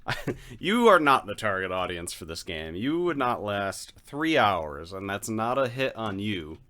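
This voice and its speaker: Casting: male podcast co-host, low and very animated, quick to laugh, self-mocking. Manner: animated, laughs often, self-deprecating jokes. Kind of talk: casual podcast chat.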